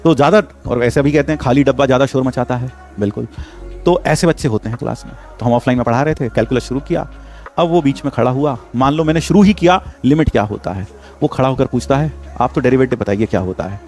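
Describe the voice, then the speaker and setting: A man's voice: medium pitch, quick pace, darkish tone, soft background music. A man, a teacher, telling his students a story in an earnest, moralizing way.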